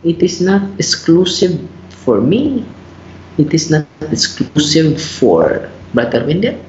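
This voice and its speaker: Slow-talking priest, echoey room. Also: male voice, slight background noise. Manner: animated storyteller, mixing English into Filipino, frequent "bro" and "no?". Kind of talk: conversational teaching in a talk show. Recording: roomy, dull low-fi sound.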